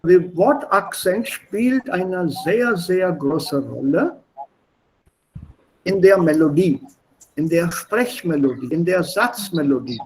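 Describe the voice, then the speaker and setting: A man teaching German pronunciation in an online lesson, explaining slowly and deliberately and switching between German and English. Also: high-pitched, lively intonation, poor audio.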